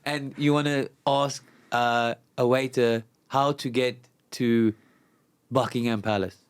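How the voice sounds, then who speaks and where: A man's voice: medium pitch, fairly even intonation, slow, smooth. A man from South Africa hosting a casual podcast chat, joking, telling stories and laughing often. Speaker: podcast host.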